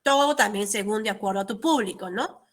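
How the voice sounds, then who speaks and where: A young adult woman with a mid-range voice teaches an online class at a brisk pace, explaining things step by step and frequently checking in with tag questions.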